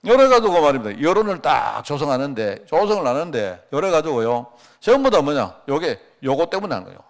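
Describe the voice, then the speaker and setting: At a prayer meeting, a middle-aged man preaches in a chatty sermon style, his fairly high voice sing-song and a little fast. Anecdotes and rhetorical questions for the congregation fill his talk, and he performs the voices in quoted dialogue.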